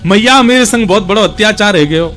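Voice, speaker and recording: Man voicing playful child Krishna, Braj accent, high-pitched, pleading, faint music behind. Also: brisk, fairly bright tone. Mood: sobbing complaint. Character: little boy Krishna, playful and mischievous.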